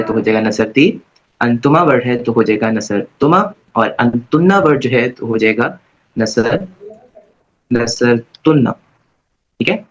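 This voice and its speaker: A man teaches an online Arabic grammar class at a medium pitch. He keeps checking in with his students and slowly chants verb conjugations aloud. The recording sounds dull and lo-fi. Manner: casual and repetitive, checking in with "theek hai?" after every point.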